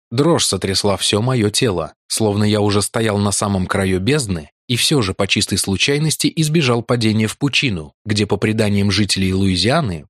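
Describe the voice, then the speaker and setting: A man narrating a fantasy adventure audiobook in measured, even storytelling, close to the mic in a studio. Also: on the low side, no room sound. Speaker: audiobook reader. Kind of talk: scripted literary narration. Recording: dry close studio sound.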